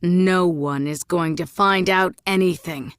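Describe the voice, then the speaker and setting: Woman doing a stern old king, grave, stubborn, slow and low. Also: a little mellow, clear, resonant tone, no echo, studio quality.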